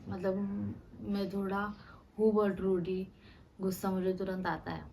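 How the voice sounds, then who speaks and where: A young woman vlogger telling a personal story to camera, halting and restarting, with many fillers and English words mixed in. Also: medium pitch, flat delivery, mellow, a little hiss or hum, low-quality recording. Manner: mixes English words into Hindi.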